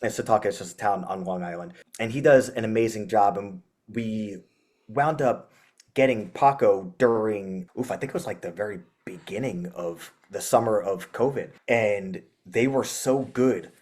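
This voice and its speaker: He has a lowish voice with a darkish tone and talks at a moderate pace. The man fronts a metal band and is a podcast guest in a casual interview, rambling and laughing with plenty of filler words.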